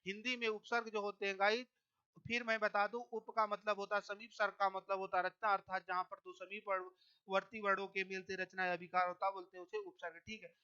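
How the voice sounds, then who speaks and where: A teacher giving an exam-prep lesson on a solved test paper, drilling each point, ending nearly every line with a quick check-in and dropping in English words. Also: mid-range voice, little pitch movement, pushed and bright, clear, resonant tone, lo-fi sound.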